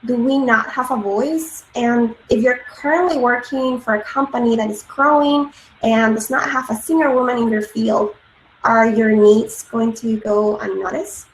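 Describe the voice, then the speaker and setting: A woman's voice: on the high side, steady tone, a little slow. Woman, thirties, grew up in Peru; earnest conference speaker, filler-heavy, roomy echo on the recording. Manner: frequent ums and uhs, earnest. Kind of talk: presentation talk. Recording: echoey room with faint noise.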